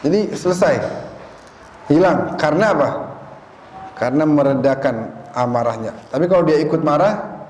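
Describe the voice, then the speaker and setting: Lively preacher in an echoey hall. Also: male voice, a little high, moderate pace, long pauses, a little hiss or hum. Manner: lively storyteller, acts out quoted characters, quotes Arabic. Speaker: religious teacher. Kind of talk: mosque study sermon with storytelling. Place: mosque hall. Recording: echoey hall with faint ambience.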